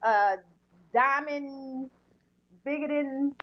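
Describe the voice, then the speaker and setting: A woman's voice: sits high, very slow. A woman hosting a casual interview show in a chatty, informal way. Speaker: podcast host. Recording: dull lo-fi audio.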